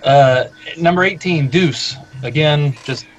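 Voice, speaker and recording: A man co-hosting a casual music podcast, low-key and understated in how he talks. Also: takes it slowly. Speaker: podcast co-host. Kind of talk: casual chat. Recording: dull lo-fi audio with faint hiss.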